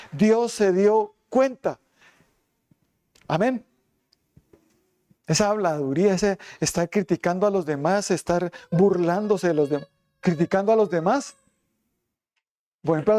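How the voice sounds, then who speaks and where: High-voiced pastor preaching a sermon. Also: male voice, dark tone. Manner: emphatic preaching, repeats "amén" often; voices God and sinners in quoted asides.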